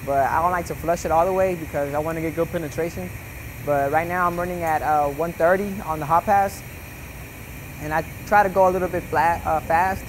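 Young man, fairly high voice, relaxed rambling instructor, lots of fillers, noisy shop behind. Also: a little fast. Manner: laid-back, rambling, many fillers like "you know" and "like". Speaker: welding instructor. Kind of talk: casual instructional voice-over.

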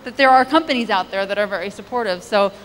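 A woman's voice: medium pitch, quick pace, fairly bright tone. A woman in her thirties answering questions on a conference panel, conversational with frequent restarts, into a handheld mic. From United States. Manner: conversational, many restarts and "you know". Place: large conference stage. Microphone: handheld microphone. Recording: stage hall with long reverb, faint noise.

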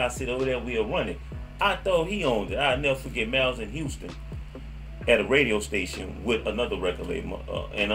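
A man's voice: mid-range voice, creaky, fairly bright tone. A middle-aged man with a New Orleans accent, reminiscing casually and slangily to camera, often repeating himself as he recalls. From New Orleans, USA. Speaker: host of a local music history show. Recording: music playing behind the voice. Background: background music.

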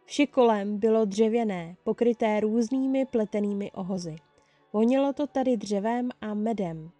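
Storyteller: a woman reading fan fiction aloud, first person and lively, with a dark, mellow voice and a dry, close sound. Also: medium pitch, no echo, soft background music.

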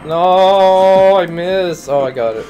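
A man's voice: high voice, slow pace, dark tone, highs cut off. A man voicing a dim-witted cartoon blob creature in a dopey dumb-guy drawl. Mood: dopey, confused. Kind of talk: improvised character voice during gameplay. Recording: game music behind the voice.

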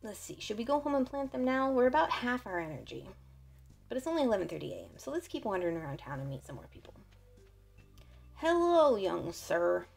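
Playful woman with creaky voice. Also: on the high side, sing-song, fast talker, a little mellow. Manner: playful, chatty, thinking aloud. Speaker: gaming video host. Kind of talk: casual let's-play commentary. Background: faint game music.

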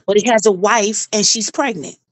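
A woman's voice: medium pitch, moderate pace, dry recording. A middle-aged woman tells her own story in casual chat. She talks animatedly, acting out quoted dialogue and repeating phrases for emphasis. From South Carolina, US.

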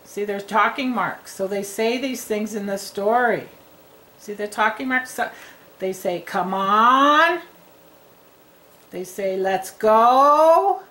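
A woman reading teacher giving a lesson to young children at a tabletop, speaking in a slow, encouraging way and sounding words out. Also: medium pitch, fairly bright tone. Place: indoors at a tabletop.

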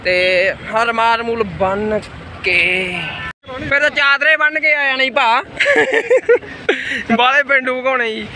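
A man's voice: extremely high pitch, moderate pace, sharp tone. A man in his twenties with a Punjabi accent, chatting casually and slangily to his vlog viewers, joking as he goes. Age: 20s. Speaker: vlogger. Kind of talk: casual vlog chat to camera. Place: on the move in malls, streets, a car and a cafe. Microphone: phone at arm's length. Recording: noisy outdoor phone recording, crowd and traffic. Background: crowd chatter and vehicle noise.

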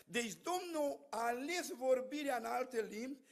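A man's voice: extremely high pitch, animated, creaky. A man with a Romanian accent preaching a Pentecostal sermon in a church, telling a personal testimony and acting out the dialogue before rising to fervent exhortation.

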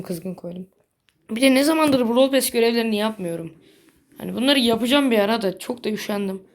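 A woman giving casual gameplay commentary in a blunt, slangy way, quick to get annoyed. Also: fairly high pitch. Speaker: gaming video creator.

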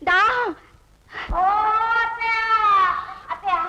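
An actress playing a defiant young wife who then pleads for water in an old film. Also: female voice, extremely high pitch, takes it slowly, bright, forceful tone, muffled recording, heavily acted. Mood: pleading. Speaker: mistreated daughter-in-law. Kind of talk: 1960s Telugu film acting.

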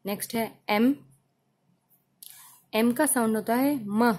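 A woman with an Indian accent teaching letter sounds for children, saying each sound slowly and repeating it. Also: fairly high pitch, a little mellow. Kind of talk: phonics lesson for children.

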